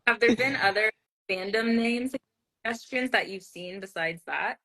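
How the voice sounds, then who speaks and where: A woman's voice: a little high, normal speed, sharp tone, rough recording. A woman hosting a live interview, reading out viewer questions in an upbeat way. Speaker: interviewer host.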